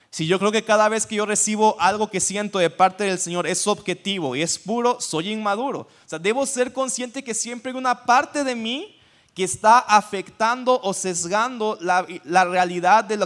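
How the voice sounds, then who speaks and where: High-voiced man preaching conversationally. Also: fairly bright tone. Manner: conversational, asks the audience questions. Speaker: pastor. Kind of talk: sermon teaching.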